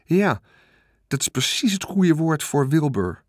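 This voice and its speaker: A cheerful middle-aged farmer, voiced by a man reading aloud in a storybook, calling out heartily. The voice sits noticeably higher and louder than the reader's own. The recording is dry and close, with no room sound. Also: big pitch swings, a little slow, dry recording. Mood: hearty.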